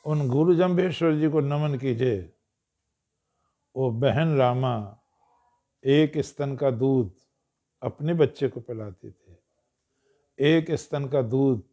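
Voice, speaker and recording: A man giving a storytelling discourse to an audience, speaking in a measured way and clearing his throat now and then. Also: on the high side, darkish tone.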